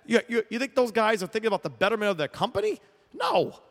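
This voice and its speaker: A sports talk show host with a somewhat high, fairly bright voice gives blunt, opinionated takes at a fast clip. His pitch swoops wildly, vocal fry creeps in, and he rambles, restarts, and repeats words. The recording carries a long, echoing reverb.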